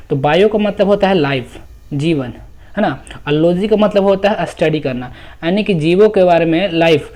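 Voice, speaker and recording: A man giving an exam coaching lecture as teacher. He asks questions and answers them himself, repeats key terms, drags out English terms slowly, and often corrects himself mid-word. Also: fairly high pitch, a little mellow.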